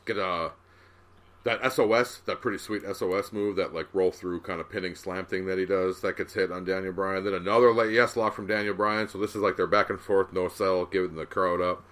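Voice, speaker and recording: A man co-hosting a podcast, chatting casually and excitedly recapping a wrestling match, swearing now and then. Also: low-pitched. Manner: excitable, swearing, quick bursts of enthusiasm. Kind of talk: casual chat.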